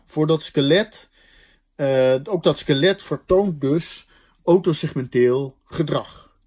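A man gives a recorded university lecture, his voice sitting in an ordinary middle pitch. He explains step by step, thinking aloud, with frequent fillers and self-corrections. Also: darkish tone. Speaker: linguistics lecturer.

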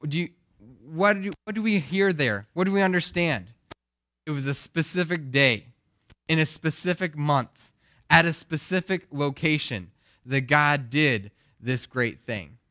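A man's voice: fairly high pitch, normal speed, pushed and bright, no room sound. Young guy preaching, groggy voice, earnest, keeps asking the church questions, dry close sound. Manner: earnest, asks the congregation questions. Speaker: pastor. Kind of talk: sermon.

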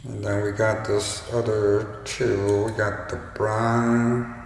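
A man talks slowly through a casual hands-on tutorial, his voice bouncing around a very echoey, hollow room. He is tentative and halting, feeling his way as he goes. His voice is fairly low with a gravelly creak. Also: little pitch movement. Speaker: do-it-yourself demonstrator. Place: bare, echoey indoor room. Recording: strong echo, hollow reverberant room, faint noise.

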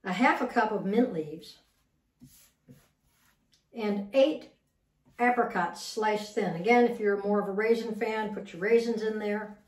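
A woman's voice: mid-range voice, a little slow, long pauses, reverberant, far from the mic, poor audio. A woman hosting a casual cooking demonstration in a home kitchen, chatting and repeating words as she works. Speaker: cooking show host.

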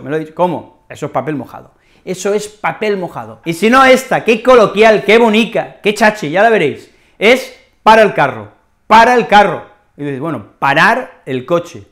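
A woman with an accent from Spain teaching a language lesson, expressive and repeating key phrases as she acts out examples. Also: deep voice. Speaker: Spanish teacher.

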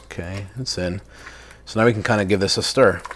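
A man's voice: fairly low pitch, brisk, a bit bright, slight background noise. A young adult man hosting a casual cooking vlog from his home kitchen, chatty and enthusiastic with lots of fillers. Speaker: cooking channel host.

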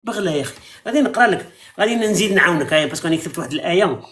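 Algerian live host, high voice, rattles off arguments very fast, lecturing tone. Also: male voice, expressive, a bit bright. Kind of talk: heated live debate.

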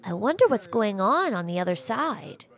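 A woman's voice: medium pitch, sing-song, moderate pace, fairly bright tone. A woman voicing a curious young boy explorer in a children's audio drama, eager and full of wonder. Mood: excited.

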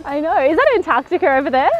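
A woman in her thirties with an Australian accent, chatting playfully and excitedly while driving. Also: sits high, quick pace, muffled recording. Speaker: co-presenter and driver. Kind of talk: casual chat while driving. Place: inside a moving car.

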